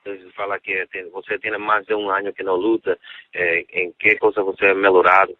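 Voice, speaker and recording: Male interpreter, flat delivery in a lowish register, consecutive relay, phone-band audio. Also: fast, no room sound. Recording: dry, muffled phone line.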